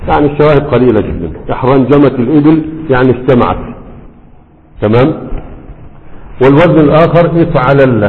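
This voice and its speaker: A man with an Egyptian Arabic accent teaching Arabic morphology to a class, often asking questions and then answering them himself. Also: mid-range voice. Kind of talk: classroom lecture. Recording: tinny, phone-like, long hall echo.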